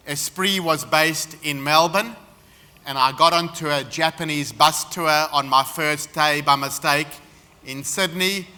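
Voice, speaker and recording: This fairly high, bright, forceful voice belongs to a South African man with a matching accent. He is a guest speaker in an expo hall, delivering a confident seminar talk built on anecdotes, and the room echoes noticeably.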